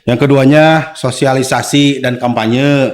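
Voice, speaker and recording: A man in his forties talks in a steady, explanatory way as a podcast guest, his pitch sitting right in the middle of the usual range. He lays his points out step by step and keeps chiming in with short agreements. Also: normal speed. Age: 40s. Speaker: guest official. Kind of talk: casual podcast conversation.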